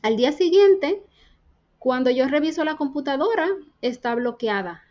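High-voiced Dominican woman telling testimony. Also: animated, normal speed, a little mellow, highs cut off. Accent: Dominican Spanish. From Dominican Republic. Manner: earnest storytelling, acting out quoted dialogue. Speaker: guest giving testimony. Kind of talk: personal faith testimony.

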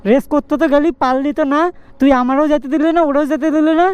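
A man from West Bengal narrating his motorcycle ride to viewers in an excitable, chatty way, calling everyone "bhai" again and again. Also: very high-pitched, a little fast, dry recording. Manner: excitable, says "bhai" constantly, talks to viewers. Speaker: motovlogger. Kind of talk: casual vlog commentary while riding. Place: on a motorcycle on city roads, outdoors. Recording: road and traffic noise.

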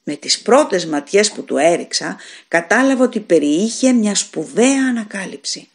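A woman narrating an audiobook of a gothic story in a measured, expressive way. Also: mid-range voice. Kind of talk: scripted narration of a gothic tale.

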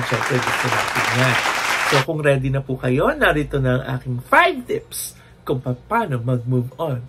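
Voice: mid-range voice, heavy background noise. A vlogger giving breakup advice in a casual, playful, campy way, with joking asides and talking straight to the viewer.

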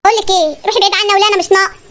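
Voice actor doing a high, fast-talking Egyptian cartoon husband, whiny and exasperated. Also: fairly even intonation, fairly bright tone, slight background noise. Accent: Egyptian Arabic. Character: grumbling stuck Egyptian husband. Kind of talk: comedy cartoon voice acting.

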